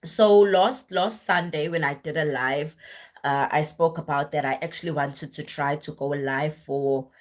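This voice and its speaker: On a live stream, a young woman chats casually and at length in an unhurried way, full of fillers and restarts as she rambles and corrects herself. Her husky voice sounds worn and deeper than usual after a weekend of church singing.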